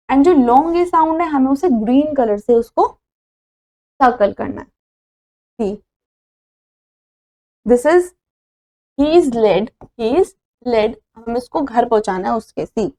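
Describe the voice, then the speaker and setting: Slow, high-voiced Indian woman teacher. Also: mellow. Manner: spells words letter by letter, mixing Hindi and English. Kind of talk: classroom phonics lesson.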